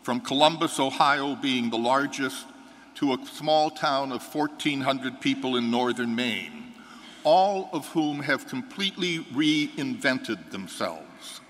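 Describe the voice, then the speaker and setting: Older man, American priest, earnest homily, mid-pitched voice, reverberant church. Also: animated, a bit bright, slight background noise. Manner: earnest, measured, building to firm conviction. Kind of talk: reading the gospel and preaching a homily. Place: large church sanctuary, seated before an altar. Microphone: fixed microphone at the altar.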